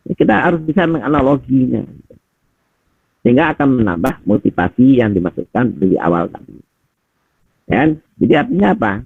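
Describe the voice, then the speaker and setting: A man's voice: mid-range voice, very animated, fairly quick, pauses often, no room sound. A middle-aged man, a teacher trainer, giving conversational feedback over a video call and often asking rhetorical questions. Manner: conversational, addresses listeners as Pak and Bapak Ibu, rhetorical questions. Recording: husky voice over tinny video call audio.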